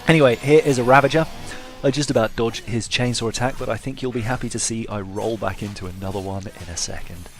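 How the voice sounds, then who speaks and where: A man rattles through relaxed playthrough commentary with few pauses, his medium-pitched voice fairly even in intonation. His humour is dry and self-mocking, with faint music and background noise behind him.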